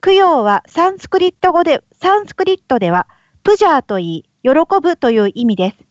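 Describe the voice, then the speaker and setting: A woman reading a text aloud with careful, measured phrasing, heard over an online call with a choppy connection. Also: sits high, sing-song, no echo. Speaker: participant reading aloud in a study group. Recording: lo-fi call audio.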